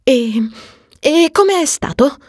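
A woman's voice: high voice, animated, takes it slowly, darkish tone, no room sound, studio quality, pitched above the performer's own voice. A woman voicing a blunt, earthy working woman who scoffs and mocks in an audiobook. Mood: scornful. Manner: brusque and mocking. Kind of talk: audiobook character voice.

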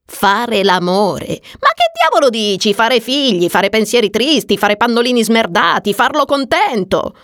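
Female narrator playing a brusque, sharp-tongued woman; lively pitch, dry close read. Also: normal speed, dry recording. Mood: scornful. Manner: brusque and mocking. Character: blunt, earthy, scornful working woman. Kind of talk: audiobook character voice.

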